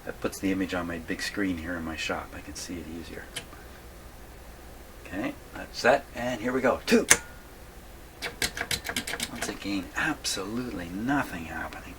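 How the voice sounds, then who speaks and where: His voice sits low, and he takes a measured pace with long pauses. The man is hosting a casual electronics repair video in his home radio workshop, talking through the work, thinking aloud, and muttering to himself. Background noise runs under a clear recording.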